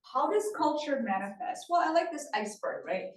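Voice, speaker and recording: A woman from Thailand speaks fairly quickly in a high, very animated voice during a conversational community-meeting presentation. She's engaging and checks in with listeners often, and the distant mic produces a roomy sound.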